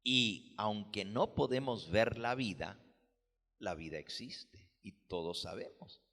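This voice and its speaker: A man preaching a sermon as pastor, teaching slowly and deliberately, explaining words with care. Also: fairly low pitch, fairly bright tone, in a large hall. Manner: slow, deliberate teaching with careful word explanations.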